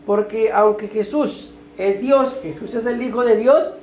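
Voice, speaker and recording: A woman's voice: fairly high pitch, unhurried, mellow, a little hiss or hum. A woman preaching a sermon, often asking her listeners "right?" and calling them beloved brethren. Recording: roomy church echo.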